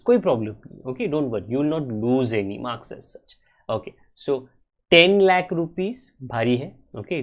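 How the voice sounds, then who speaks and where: A man with an Indian accent teaching accountancy in a recorded lecture, switching between Hindi and English and dropping in frequent "okay"s. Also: mid-range voice. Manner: mixes Hindi and English, slow drawn-out English phrases, frequent "okay" fillers.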